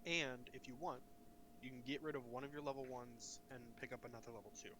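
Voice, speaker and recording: A man's voice: mid-range voice, steady tone, quick pace, pushed and bright, a little hiss or hum. A man playing a tabletop game who jokes around and chips in with rules advice. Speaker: player. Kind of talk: casual tabletop game talk.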